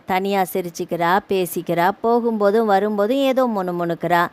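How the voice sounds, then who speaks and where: A woman's voice: medium pitch, no echo, close to an everyday voice. A woman voicing a domineering older mother-in-law who scolds and commands in a harsh, nagging way. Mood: complaining.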